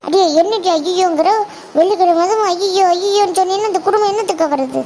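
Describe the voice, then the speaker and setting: A woman's voice: extremely high pitch, fast talker, darkish tone. A woman voicing a bossy, nagging old mother-in-law in a cartoon, scolding shrilly. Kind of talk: cartoon voice acting. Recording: audible background noise.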